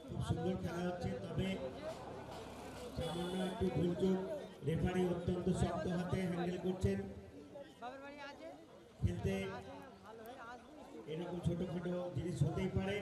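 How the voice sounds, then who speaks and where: A man giving excited live football commentary, calling the play in short exclamatory bursts. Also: sits high, unhurried, long pauses, far from the mic. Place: outdoor football ground. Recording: echoey PA sound from afar, loud outdoor crowd. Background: loud crowd and outdoor noise.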